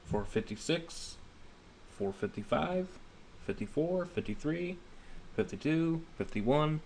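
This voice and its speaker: Speaking slowly with lively intonation, a man in his thirties uses a fairly high, slightly mellow voice to teach an informal Bible study. He reads scripture, explains plainly and step by step, and keeps asking whether he's understood. It's a noisy homemade voice-over.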